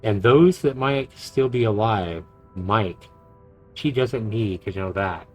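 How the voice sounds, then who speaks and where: Over background game music, a man who streams games reads out visual novel text and responds to it. His voice is on the low side and his pace slow.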